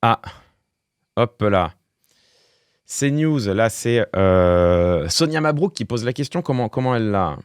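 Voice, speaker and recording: A man's voice: fairly low pitch, lively intonation, takes it slowly, pauses often, clear, resonant tone, no room sound, clean studio sound. A man streamer giving casual live-stream commentary, thinking aloud with fillers and restarts. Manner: talks through thoughts with fillers and restarts, wry laughs.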